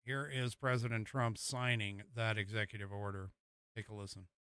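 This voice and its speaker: A male American talk host with a clear, bright voice in a very dry, close sound. He gives casual political commentary, reading news items and then reacting in a halting, think-aloud way that often trails off. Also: fairly low pitch, flat delivery, dry recording.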